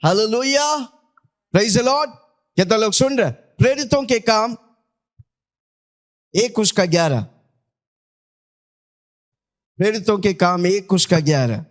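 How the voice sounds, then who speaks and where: High-voiced, slow-preaching man pastor. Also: lively intonation. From India. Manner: call-and-response preaching, urging listeners to shout back; repeats scripture after the reader. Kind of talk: sermon.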